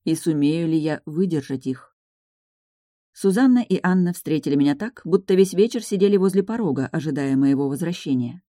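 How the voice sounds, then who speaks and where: A woman narrating a first-person audiobook in an even storytelling manner. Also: low voice, fairly quick, dry recording, clean studio sound.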